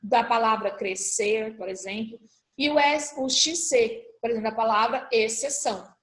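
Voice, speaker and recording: Woman, primary school teacher, patient, spells letters slowly, high voice, echoey room. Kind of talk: recorded class review lesson.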